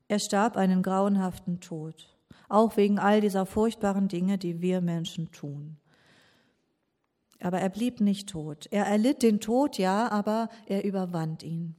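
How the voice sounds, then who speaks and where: A woman's voice: mid-range voice, mellow. Woman giving a sermon to young people, talks right to them, personal. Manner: personal, addresses listeners directly. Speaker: preacher.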